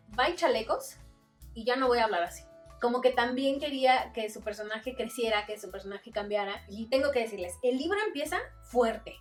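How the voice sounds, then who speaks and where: A woman with a Mexican accent talks through a book in a relaxed vlog, dropping into quick voices for quoted exchanges. Her voice sits a little high. She is set back from the microphone, with faint music playing underneath. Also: distant mic. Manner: chatty, acts out quotes with voices. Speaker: book reviewer. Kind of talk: casual book review vlog.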